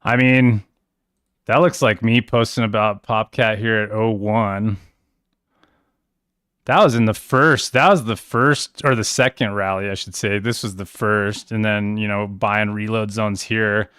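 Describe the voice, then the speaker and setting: A man's voice: on the low side, steady tone, unhurried, fairly bright tone, clean tone, no echo, studio quality. A man hosting a crypto trading livestream, casually walking through charts in a rambling, self-correcting way. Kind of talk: casual screen-share walkthrough.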